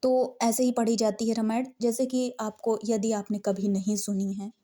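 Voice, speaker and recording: A woman teaching scripture recitation, patiently breaking verses into slow, word-by-word chanting. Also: fairly high pitch, little pitch movement, dark tone.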